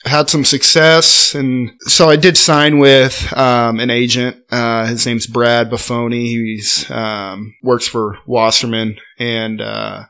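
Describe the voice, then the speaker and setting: A man's voice: mid-range voice, level tone, takes it slowly, few pauses, sharp tone. A young man, a podcast guest, telling stories in casual chat, loose and full of fillers, recorded in a garage studio. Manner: loose and chatty, full of "like" and "I mean". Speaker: podcast guest, college golfer.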